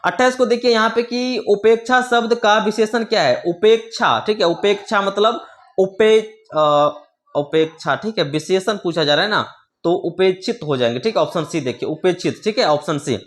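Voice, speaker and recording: A man with a high-pitched voice works through a multiple-choice answer key as a teacher. He talks in a repetitive, filler-heavy way and keeps checking in with his students as he goes. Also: normal speed. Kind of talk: exam answer walkthrough.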